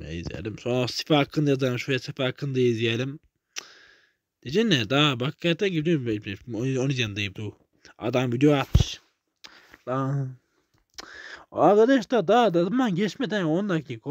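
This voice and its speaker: A young man with a Turkish accent giving loose gameplay commentary, swearing freely and breaking into sudden loud outbursts. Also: mid-range voice, no room sound, highs cut off. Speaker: gaming YouTuber.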